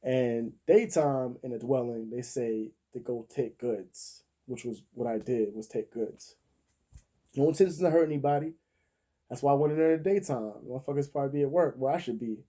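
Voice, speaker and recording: A man in his thirties tells a story casually, swears a lot and laughs between lines. His voice is very dark and mellow, at a middle pitch. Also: moderate pace. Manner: profane, laughs often, acts out the people he quotes. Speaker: vlogger.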